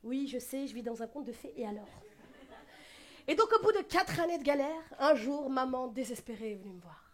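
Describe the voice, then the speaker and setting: High-voiced woman doing stand-up. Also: brisk. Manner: lively, teasing the audience. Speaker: stand-up comedian. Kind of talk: stand-up comedy. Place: stage before a live audience.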